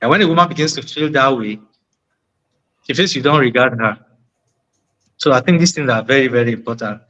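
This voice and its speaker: A man's voice: mid-range voice, fairly quick, sharp tone, highs cut off. A man with a West African accent gives conversational relationship advice, repeating key words for emphasis and posing rhetorical questions. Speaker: panel discussion participant.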